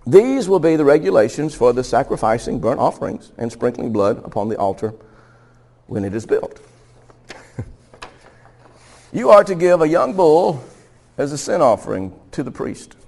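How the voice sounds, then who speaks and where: A man's voice: mid-range voice, very animated, normal speed, creaky, long pauses, a little mellow. A man preaching a Bible teaching sermon in a conversational way. He laughs now and then and often stumbles and restarts his sentences. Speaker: pastor.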